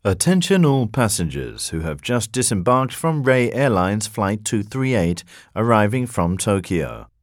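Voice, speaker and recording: Man, low voice, animated pitch, calm announcer, dry studio. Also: a little slow, few pauses, no echo. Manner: calm, informative announcer delivery. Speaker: airport announcer in a test recording. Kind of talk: scripted announcement.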